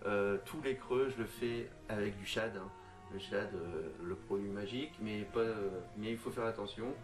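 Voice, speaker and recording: Man, low-ish voice, halting casual tutorial delivery over faint background music. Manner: hesitant, lots of fillers and restarts, addresses viewer informally. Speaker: miniature painting tutor. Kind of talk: casual tutorial narration while painting.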